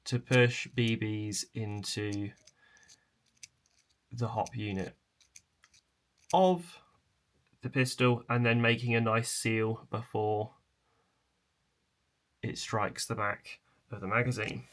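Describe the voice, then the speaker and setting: A man presenting a casual hands-on tutorial in an informal, tentative, explanatory way, with a chair creaking. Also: lowish voice, slow pace, long pauses, a bit bright. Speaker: video presenter.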